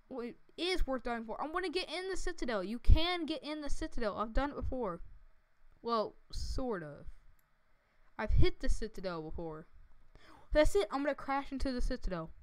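A woman giving casual, excitable commentary over her own gameplay, breaking into sudden dramatic outbursts, speaking into a headset mic. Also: on the high side, no room sound. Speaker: gaming video creator. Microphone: headphones with mic.

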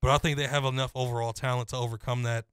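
A young man co-hosting a casual sports talk show, giving a confident, detailed breakdown in a steady flow. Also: medium pitch, racing, smooth, no echo, clean studio sound. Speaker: co-host.

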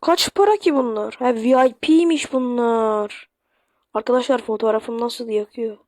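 A woman's voice: on the high side, measured pace, darkish tone, dry recording. A woman giving chatty let's-play commentary to her viewers, swearing when flustered. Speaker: gaming YouTuber. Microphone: phone screen recording.

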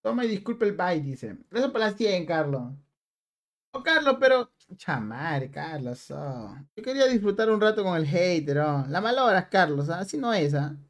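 A man's voice: high voice, big pitch swings, moderate pace, hardly any pauses. A young man streams a game, reading chat aloud and teasing viewers. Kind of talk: live stream chat while gaming.

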